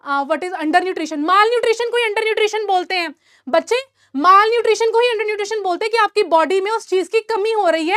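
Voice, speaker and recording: High-voiced woman teaching a class. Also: a bit bright, no room sound, studio quality. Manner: affectionate, repeats phrases, teasing. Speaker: online teacher. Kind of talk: live online class for children.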